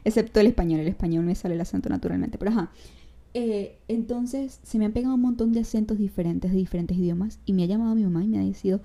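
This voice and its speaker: Dark-toned Venezuelan woman podcaster. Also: mid-range voice, quick pace. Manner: chatty, direct, addresses the listener with advice; uses casual slang. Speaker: podcast host. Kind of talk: casual solo podcast monologue.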